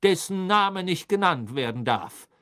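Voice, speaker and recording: A reader voicing a stern, hate-filled father who presides as a judge, barking his charges in a loud, clear voice in a dramatic audiobook reading. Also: mid-range voice, lively intonation, unhurried, pitched above the performer's own voice. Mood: stern, furious.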